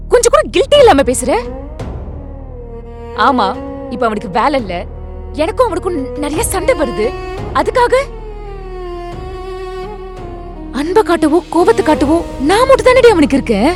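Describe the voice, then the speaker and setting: A high-voiced young wife, played by an actress in a short film, pouring out anger and then pleading apologies. Her speech runs urgent and heartfelt. Soft music sits under her lines. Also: sing-song, normal speed, long pauses. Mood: angry. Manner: emotional, pleading.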